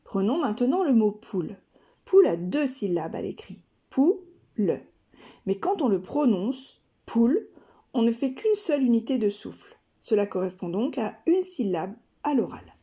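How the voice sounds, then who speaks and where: A woman from France, a kindergarten teacher narrating a scripted lesson, speaking slowly and carefully articulating each syllable. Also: fairly high pitch, big pitch swings, mellow. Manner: slow, carefully articulated, splitting words into syllables.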